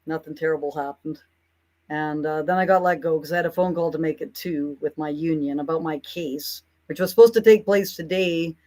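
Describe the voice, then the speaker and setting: A woman's voice: low-pitched, steady tone, brisk, dark tone. A woman talking casually to her audience in an indignant, rambling monologue, often breaking into mocking asides. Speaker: commentator.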